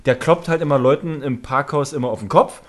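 A man's voice: mid-range voice, fairly quick. A man in a casual podcast chat, retelling a film in a rambling way and laughing as he talks.

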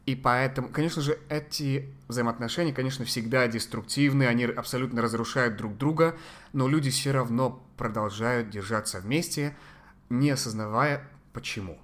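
A man giving conversational psychological advice as a podcast guest, sometimes halting to search for Russian words. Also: medium pitch.

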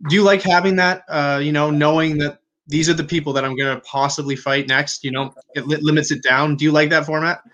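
A man's voice: on the high side, fairly bright tone. A male interviewer heard over a bad remote connection that breaks up and sounds robotic, repeatedly checking whether he can be heard. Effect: breaking-up call audio, robotic-sounding. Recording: muffled, dropping remote call line.

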